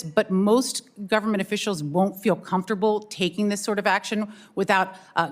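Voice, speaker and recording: A woman giving formal testimony as an expert witness, measured and diplomatic, with a hesitant delivery. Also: medium pitch.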